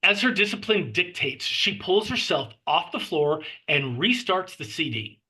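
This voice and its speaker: The stage directions arrive in measured phrases and the scene headings are clipped as a man narrates a screenplay. His fairly high voice is forceful, husky and very animated.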